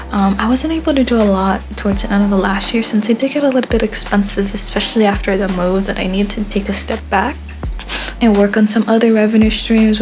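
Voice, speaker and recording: A young woman artist from Florida chatting casually in a rambling, relaxed voice-over while she draws, with frequent ums. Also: mid-range voice. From born in Haiti, grew up in Florida. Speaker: artist vlogger.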